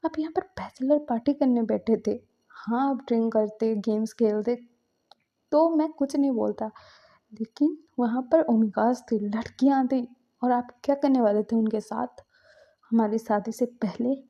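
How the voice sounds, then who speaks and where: A woman narrator puts on a wounded young man, reproachful and scolding. The voice sits a little higher and louder than her narration while keeping its husky, dark grain. It comes through a dull, lo-fi recording. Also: normal speed. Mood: hurt, reproachful. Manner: reproachful, tearful pleading.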